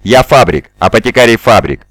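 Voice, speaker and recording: A man voicing a calm, proud and sinister male surgeon who speaks with cold courtesy. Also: lowish voice, a little fast, dry recording. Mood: coldly polite. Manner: smooth, courteous, coldly pleased.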